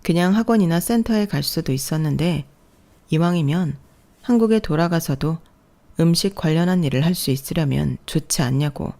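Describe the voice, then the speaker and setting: Low, mellow woman narrating a story. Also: moderate pace. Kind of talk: first-person storybook radio narration.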